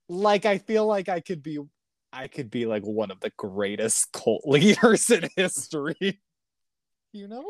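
A man's voice: on the high side, very animated, slow, pauses often, no echo. A man co-hosting a podcast in casual chat. He rambles, giggles and trails off mid-thought. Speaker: podcast co-host.

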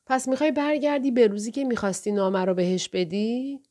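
A woman voicing a calm, reserved young café waitress who asks polite, matter-of-fact questions in an audiobook. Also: fairly high pitch, natural voice. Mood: composed. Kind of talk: audiobook character voice.

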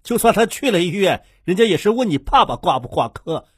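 A man's voice: high-pitched, very animated, brisk, breathy edge, no room sound, studio quality, full character voice. A man voicing a doting, fussy old grandfather in a comic family audio drama, scolding yet affectionate. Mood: fond.

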